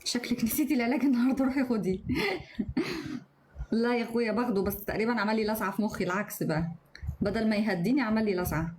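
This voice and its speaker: At home indoors, a woman in her twenties with an Egyptian Arabic accent livestreams into her phone, reading viewer comments aloud and firing back quick, sharp-tongued retorts. Her voice is a little high, with slight background noise.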